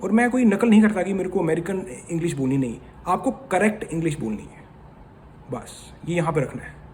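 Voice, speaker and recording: A man's voice: sits high, animated, a little fast, darkish tone, slight background noise. A man from India talking in a chatty, opinionated vlog, lecturing his viewers. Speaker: vlogger. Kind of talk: casual commentary vlog.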